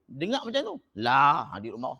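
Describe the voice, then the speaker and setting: Animated religious teacher telling a story. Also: male voice, moderate pace, creaky, breathy edge. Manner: animated anecdote telling, voice leaping high when excited. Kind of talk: online religious class, storytelling aside.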